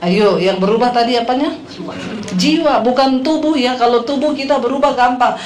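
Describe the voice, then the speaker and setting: Middle-aged female pastor, storytelling sermon, higher voice, echoey room with faint background hiss. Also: normal speed. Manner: animated storytelling, addressing the congregation, acting out quotes.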